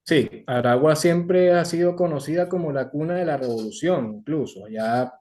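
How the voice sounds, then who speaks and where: A man in his twenties with a Venezuelan accent, a young activist answering interview questions in a measured, formal way with frequent "eh" fillers. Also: a little high, darkish tone. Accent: Venezuelan Spanish. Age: 20s. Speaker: guest, young political activist.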